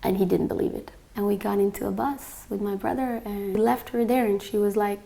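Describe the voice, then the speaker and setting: A young woman from Bosnia giving a reflective personal testimony, soft-spoken and full of small fillers. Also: mid-range voice, fairly even intonation, a little fast, gravelly. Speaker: interviewee.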